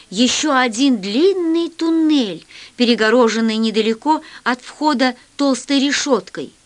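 A woman reading a children's story aloud with expressive storytelling. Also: fairly high pitch. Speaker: narrator.

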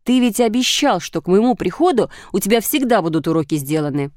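Lady doing a brisk scolding mom in a kids story, lively, dry close sound. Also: mid-range voice, no room sound, close to an everyday voice. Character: practical, teasing mother of a boy.

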